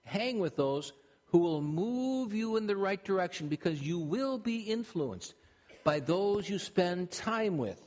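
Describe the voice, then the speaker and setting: An older Minnesotan pastor with a Minnesota accent preaches a sermon conversationally, often restarting his sentences. His voice is high and darkish with lively intonation and an unhurried pace, and a long hall reverb colors the recording.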